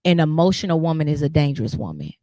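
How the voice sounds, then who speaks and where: A woman talking casually as a podcast guest, animated and acting out quotes in other voices. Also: low-pitched, fast, a crowd in the background.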